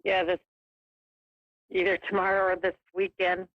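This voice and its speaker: A woman's voice: fairly low pitch, flat delivery, normal speed, no echo. A woman calling in on a clipped phone line that keeps cutting out, talking in a hesitant, apologetic way. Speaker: caller. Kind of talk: call-in chat over the phone. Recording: dull, dry, breaking-up phone line.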